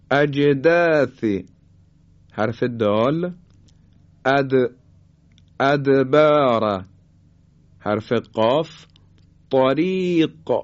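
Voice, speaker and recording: Guy teaching quran recitation, draws out each example sound slow, middle pitch, muffled lo-fi audio. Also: a little mellow. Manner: slow, drawn-out demonstration of letter sounds. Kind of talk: tajweed lesson. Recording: muffled lo-fi recording.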